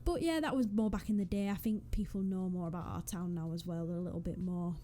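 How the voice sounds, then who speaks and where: Over soft background music, a young Sims YouTuber from northwest England speaks fast in a Northwest English accent, casually rambling through a game build with self-deprecating asides. Her dark voice has a fairly low pitch and was captured on a USB desk microphone.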